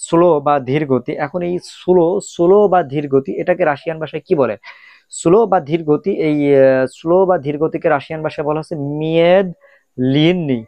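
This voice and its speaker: A man's voice: on the high side, darkish tone, no room sound. A man giving a casual video lesson on vocabulary, repeating each word many times with frequent "ah" and "um" hesitations. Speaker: language teacher.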